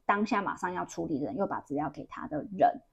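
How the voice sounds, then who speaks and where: A woman's voice: low-pitched, expressive, quick pace, vocal fry, husky. A young woman with a Taiwanese Mandarin accent, chatting casually on a podcast and telling a long story full of restarts. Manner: rambling storyteller with many restarts. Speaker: podcast co-host.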